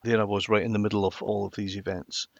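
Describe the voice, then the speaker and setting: A mature man with a Highland Scottish accent, telling stories reflectively and emphatically in a conversational interview. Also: level tone, quick pace, creaky, dry recording, muffled recording. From Inverness, Highlands of Scotland. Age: middle-aged or older. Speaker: interview guest, former television journalist.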